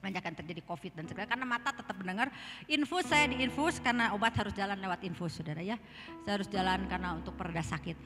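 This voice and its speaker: A woman's voice: medium pitch, expressive, fast talker, a bit bright. A middle-aged woman with a Sundanese accent, telling her personal testimony in church and often addressing the listeners directly. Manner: storytelling, keeps addressing listeners as brothers and sisters. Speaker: church member giving testimony. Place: church hall. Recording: echoey hall with guitar music behind.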